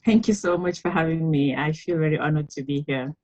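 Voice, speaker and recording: A woman's voice: low voice, a little fast, darkish tone, muffled recording. A woman from Cameroon, a guest author, telling her story in a podcast interview, reflective and chatty with laughs and fillers.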